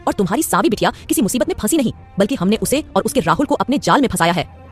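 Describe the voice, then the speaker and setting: A woman's voice: mid-range voice, animated, very fast, slightly rough, faint music behind. A woman voicing a scheming, treacherous male commander who mocks and gloats in an audio story. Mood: gloating. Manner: mocking, gloating.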